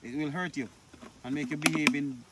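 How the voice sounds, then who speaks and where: Easygoing Jamaican farmer, outdoor noise. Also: male voice, a little high, fairly quick. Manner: relaxed, easygoing explaining. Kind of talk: casual interview answers. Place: outdoors on a rural farm.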